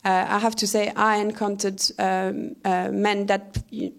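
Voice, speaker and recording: Flat, gravelly-voiced woman panelist. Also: mid-range voice. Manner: measured, with many fillers. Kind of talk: panel discussion answer.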